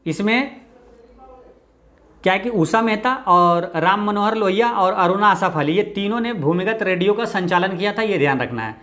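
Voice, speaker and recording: A man's voice: expressive, normal speed. Bihari man explaining exam answers. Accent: Bihari Hindi. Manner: repeats "ye dhyan rakhna hai" with a low, quiet drop. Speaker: exam-prep teacher.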